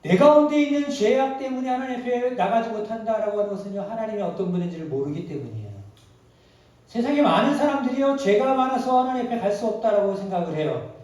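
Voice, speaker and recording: A male pastor preaching a sermon. He acts out the quoted voices dramatically and swings between loud and soft. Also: sits high, animated, fast. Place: prayer retreat hall. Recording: very echoey hall, mic at a distance.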